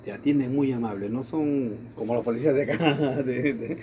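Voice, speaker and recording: A man's voice: medium pitch, moderate pace, slight background noise. A man from Latin America casually telling a personal story, acting out the quoted dialogue. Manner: animated, acts out quoted dialogue. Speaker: storyteller in conversation.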